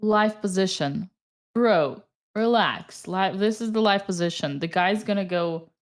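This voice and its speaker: A woman with a Romanian accent giving live chess commentary to her chat, excitable and cheering at good moves. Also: medium pitch, a little slow.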